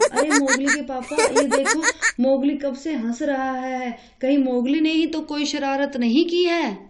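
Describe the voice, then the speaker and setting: A woman's voice: sits high, reverberant, very noisy, close to an everyday voice. A woman voicing a caring, bustling village mother. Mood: amused. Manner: bustling, concerned.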